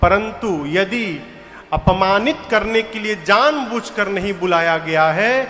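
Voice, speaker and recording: A man with a high, bright voice tells a devotional story slowly to a gathering. He speaks in a folksy way with humorous asides, and his voice rings in a hall with a long echo and faint music behind. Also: animated. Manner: chants verses in a singing voice. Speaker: religious storyteller.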